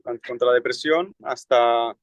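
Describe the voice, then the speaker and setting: A man's voice: medium pitch, a little slow, no room sound, poor audio. A man, a guest in a casual conversation, talking in a reflective way and thinking aloud.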